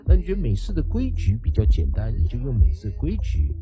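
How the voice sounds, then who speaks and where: A man's voice: medium pitch, huge pitch swings, fast talker. A man, raised in the United States, giving a chatty lecture on pronunciation as an English teacher. He keeps asking his listeners "right?" and mixes English words into his speech. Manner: chatty, asks rhetorical "right?", drops English words into the Chinese. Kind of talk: casual lecture. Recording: slightly dull recording with faint music.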